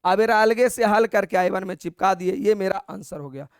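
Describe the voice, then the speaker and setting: A man teaches an exam-prep maths class, his voice sitting high and coming through smooth and clear. He talks in a colloquial, coaxing way, calls the students brother, and dictates each step slowly, repeating it. The sound is dry and close to the mic. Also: dry recording.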